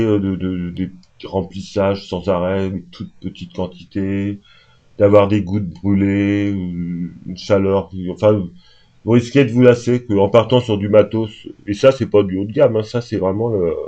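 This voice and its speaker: A man's voice: sits low, mellow. A man talking casually and unscripted to camera, rambling and hesitant with lots of fillers, only just awake. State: just woken up. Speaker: vlogger. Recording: dull lo-fi home recording.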